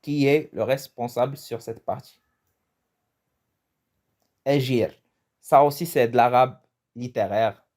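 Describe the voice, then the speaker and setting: A man's voice: mid-range voice, slow pace, long pauses, a little mellow. A man from Morocco giving a casual, chatty language lesson, often restarting his phrases and laughing at his own jokes. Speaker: language teacher.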